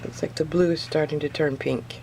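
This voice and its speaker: A woman with a lowish, noticeably creaky voice talks through a hands-on craft in a casual vlog style. She muses aloud in short, chatty phrases, as if half to herself. Faint noise sits behind her voice. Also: fairly even intonation, brisk, darkish tone. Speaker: soap maker narrating own craft video.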